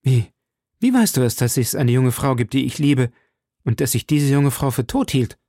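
A man's voice: high-pitched, lively intonation, moderate pace, gravelly, a little mellow, no echo, clean studio sound, pitched above the performer's own voice, exaggerated voice. A man voicing d'Artagnan, a bold, fiery young musketeer who speaks in a commanding, threatening way.

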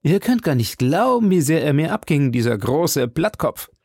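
A man's voice: fairly high pitch, normal speed, slightly rough, no room sound, studio quality, pitched above the performer's own voice. Aramis, a man doing an airy vain musketeer. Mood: airy lively. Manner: airy, animated, affected. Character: refined poetic young musketeer, vain.

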